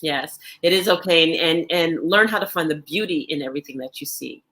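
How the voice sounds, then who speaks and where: Low-voiced woman wellness co-host. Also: fairly quick, a bit bright. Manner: affirming, reflective, urging. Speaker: podcast co-host, wellness presenter. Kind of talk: motivational podcast talk.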